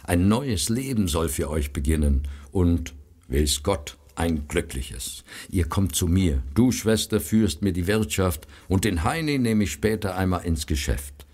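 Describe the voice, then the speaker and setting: A kind, protective brother speaks gently to his family, as a man reading a story puts him on. The voice stays low and a little husky. He sounds steady and reassuring. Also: measured pace. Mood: tender. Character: kind, warm-hearted man caring for his sister.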